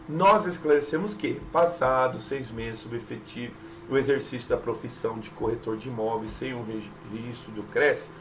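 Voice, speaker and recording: A Brazilian man teaching grammar in a casual, talkative way. His voice sits at an ordinary middle pitch and stresses the key points firmly. A faint ambient hiss runs under the recording. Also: rough recording. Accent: Brazilian Portuguese. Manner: chatty and emphatic, keeps checking in with the listener. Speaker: teacher correcting an exam. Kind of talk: informal exam-review lesson.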